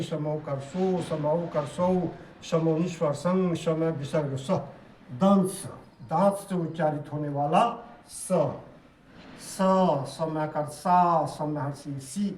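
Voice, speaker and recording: Slow, chanting male Hindi teacher. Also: a little high, a little mellow, a little hiss or hum. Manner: deliberate, chanting syllables one by one. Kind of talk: slow recited grammar lesson. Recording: echoey room, mic at a distance.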